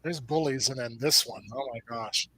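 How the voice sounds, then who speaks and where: A man's voice: medium pitch, normal speed, no echo, rough recording. A middle-aged man from the United States hosting a casual movie watch party chat, telling stories animatedly. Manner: animated storyteller, acts out quoted voices.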